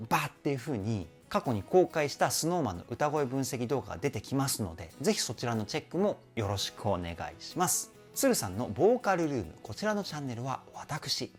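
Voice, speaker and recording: Lively, animated male vocal coach. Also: mid-range voice. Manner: enthusiastic, admiring, explains technique step by step. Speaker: vocal coach and YouTube host. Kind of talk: voice analysis reaction commentary.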